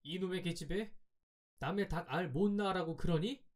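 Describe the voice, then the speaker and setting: A man acting out a hot-tempered teenage farm boy in a storybook, his voice raised above his usual register. He shouts and scolds with indignation, loud and sharp. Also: high voice, normal speed, pitched above the performer's own voice, natural voice. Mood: indignant.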